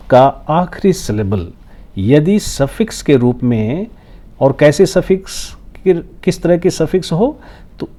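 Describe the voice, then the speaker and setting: A man's voice: mid-range voice, dark tone. A man teaching a pronunciation lesson, explaining rules and drilling words aloud. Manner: switches between English and Hindi, drills words aloud. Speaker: language teacher. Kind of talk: classroom lesson.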